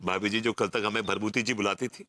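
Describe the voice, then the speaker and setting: A teasing neighbour guy, lowish voice, noisy tv sound. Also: fairly even intonation, brisk, pushed and bright. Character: teasing middle-aged neighbour, sulking over being called uncle. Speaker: sitcom character. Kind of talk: broadcast sitcom acting.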